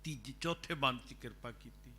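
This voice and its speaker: A man with a Punjabi accent giving a sermon at a gurdwara, shifting between loud drawn-out chanting of scripture and quiet speech. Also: medium pitch, a little hiss or hum. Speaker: Sikh preacher giving katha. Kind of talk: sermon with sung scripture lines. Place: gurdwara hall, live broadcast.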